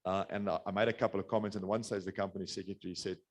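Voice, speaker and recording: A man's voice: deep voice, steady tone, rapid-fire. A middle-aged man with a South African accent, giving a webinar business talk in a rambling way, full of restarts and fillers. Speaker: business speaker. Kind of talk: webinar presentation.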